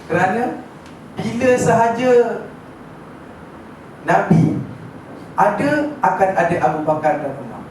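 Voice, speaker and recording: A man with a fairly high voice and a Malaysian accent gives an informal religious lecture, telling the story with lively energy and often stopping to check that his class is following. He is heard from across an echoey room, with steady background noise underneath. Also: measured pace, pauses often, distant mic.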